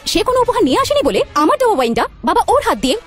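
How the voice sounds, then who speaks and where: Brief: actress as arrogant jealous daughter, young woman, rapid accusing lines, music under. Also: big pitch swings. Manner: shrill, accusing, taunting.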